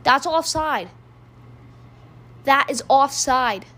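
A woman's voice: high voice, very slow, pushed and bright. A woman doing casual amateur hockey play-by-play, profane and rambling, laughing at her own jokes.

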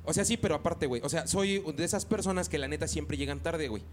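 A man from northern Mexico, host of a casual podcast chat, who talks loudly and peppers every phrase with crude slang. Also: a little high, fast, over a noisy crowd. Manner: crude slang-heavy, says güey constantly; talks loud by habit.

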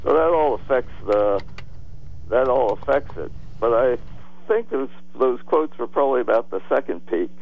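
A man calling into a radio talk show, speaking casually in a halting, hesitant way. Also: mid-range voice, sing-song. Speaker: caller. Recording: muffled phone call with vehicle noise.

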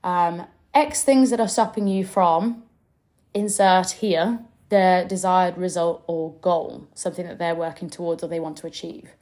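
A young adult woman who works as a business coach hosts her own podcast, delivering a casual teaching monologue in a chatty, direct style with mild swearing. Her voice is on the low side and darkish in tone, with fairly even intonation and a slightly slow delivery.

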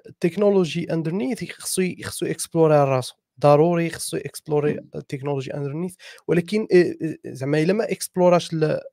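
Quick, creaky-voiced Moroccan man explaining. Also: on the high side, mellow, dry recording, clean studio sound. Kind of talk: casual panel discussion, giving advice.

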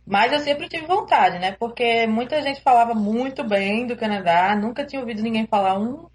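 A young Brazilian woman with a Pernambuco accent talks casually as an interview guest on a remote call. Her voice sits a little high, and she hesitates often and laughs easily as she speaks. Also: moderate pace, a little hiss or hum. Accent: Pernambuco Brazilian Portuguese. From Brazil, Recife.

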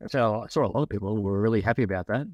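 A man's voice: on the low side, rapid-fire, a little mellow, no room sound, muffled recording. A man co-hosting a casual podcast, talking animatedly and acting out quotes in a raised voice. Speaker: podcast co-host.

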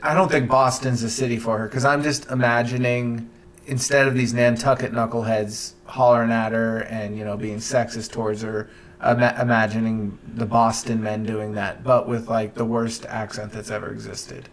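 A man's voice: mid-range voice, little pitch movement, moderate pace. Earnest young man musing on a podcast. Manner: thoughtful and earnest, with restarts and soft trailing phrases. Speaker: podcast co-host. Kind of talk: casual chat.

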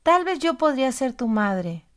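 A woman's voice: sits high, sing-song, unhurried, voice pushed up. A woman doing a kind mother bear. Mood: gentle.

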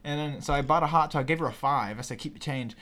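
Animated young man telling a wild story. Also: on the high side, racing. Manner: animated, profane, acts out voices in his story. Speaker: podcast guest. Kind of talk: casual storytelling chat.

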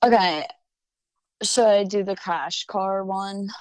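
Woman, twenties, from Ukraine, native Russian speaker, casual chat, unhurried pace, dry close sound. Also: medium pitch, a little mellow, clean tone, no room sound. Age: 20s. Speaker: interviewee, student.

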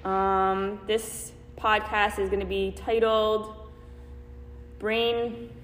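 Low-voiced woman hosting from an echoing gym. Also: quick pace. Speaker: fitness coach hosting a podcast. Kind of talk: casual podcast chat. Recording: echoing gym, long reverb, faint rumbling noise.

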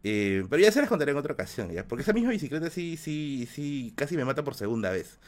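A man on a live stream, telling a personal story in a lively, animated way, with spoken sound effects and a frequent "¿ya?" at the ends of lines. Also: mid-range voice, fast talker.

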